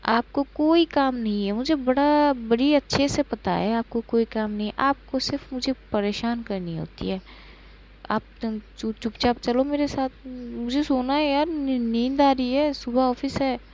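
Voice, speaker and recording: A woman's voice: high voice, unhurried, highs cut off. A woman doing Maisha, a playful flirty lover. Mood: teasing.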